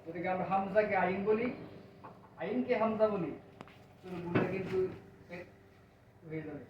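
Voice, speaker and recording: A man's voice: high voice, moderate pace. Guy teaching kids in a classroom, keeps quizzing them, roomy echo, noisy dull recording. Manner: asks the class constant questions, repeats key words. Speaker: teacher of Quran recitation. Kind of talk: classroom lesson to children. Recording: echoey room, distant mic, dull, noisy.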